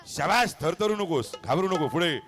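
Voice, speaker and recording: A man's voice: on the high side, animated, moderate pace, over music. A man emceeing a live stage show, coaxing and teasing children in a playful way on a handheld mic outdoors. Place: outdoor stage at a hotel lawn.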